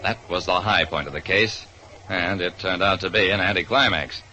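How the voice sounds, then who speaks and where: A low, sharp-toned male voice at a moderate pace delivers dramatic narration. The actor plays a wry private detective recounting his case like a 1940s radio drama, and the vintage recording is full of noise.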